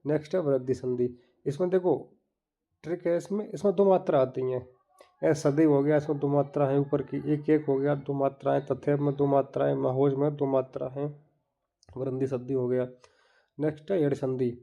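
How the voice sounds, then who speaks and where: A man with a mid-range, dark, creaky voice speaks at a moderate pace with little pitch movement, heard through a muffled recording. He teaches grammar in an exam-prep lesson, going step by step, repeating each term and asking the viewer to look.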